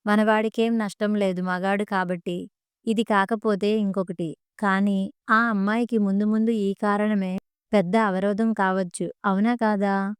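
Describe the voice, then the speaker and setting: A middle-aged husband, patient and persuasive, as a woman narrator reads him. The voice is very clear and close, with no room sound, and he talks things through steadily. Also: medium pitch, flat delivery, measured pace, no room sound, lightly acted. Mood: reasoning.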